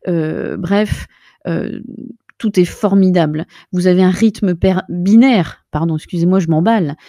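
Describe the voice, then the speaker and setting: A woman's voice: on the low side, measured pace, dark tone, dry recording, clean studio sound. A woman giving a pompous mock-academic lecture, piling up lofty jargon and getting carried away. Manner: lecturing the viewer directly. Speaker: self-styled linguistics researcher. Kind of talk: mock-academic comic monologue.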